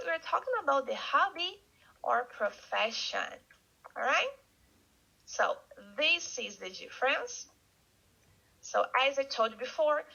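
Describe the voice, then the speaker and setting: Female English teacher, high bright voice with gravelly fry, patient slow drills, lo-fi sound. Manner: slow, repeats words for learners to echo. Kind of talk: online English vocabulary lesson. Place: Canada. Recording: dull lo-fi recording.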